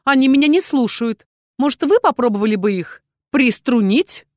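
A woman voicing a fiery, quick-tempered young witch heroine who speaks in loud, raised, indignant outbursts. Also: on the high side, expressive, no echo, clean studio sound, pitched above the performer's own voice, lightly acted.

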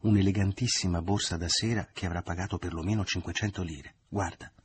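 A man's voice: low voice, fairly even intonation, brisk, husky. A man voicing a doting, naive middle-aged mother who talks in a gushing, sentimental way, in an audiobook reading. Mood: effusive.

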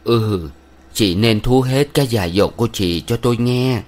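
A man's voice: mid-range voice, normal speed, a little mellow, pitched above the performer's own voice, natural voice. A man voicing a stern, moralizing middle-aged village matron who lectures a young woman with sugary sternness in a read-aloud novel. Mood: lecturing.

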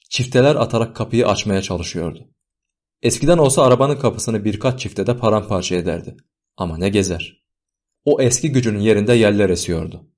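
A man reading an audiobook novel aloud in scripted, measured narration. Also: fairly low pitch, darkish tone.

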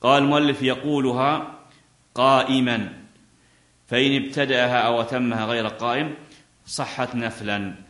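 A man's voice: medium pitch, steady tone, normal speed, pauses often, a bit bright, echoey room. A man teaching a lesson on a classical legal text, reading a line and then explaining it by asking questions and answering them himself. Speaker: teacher of Islamic jurisprudence.

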